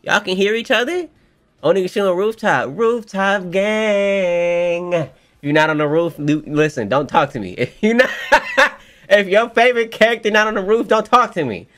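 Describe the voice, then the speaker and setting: A man's voice: high voice, expressive, fairly quick, a bit bright. A man doing a casual live reaction, talking straight to viewers, laughing often and breaking into exclamations. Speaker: manga reaction streamer.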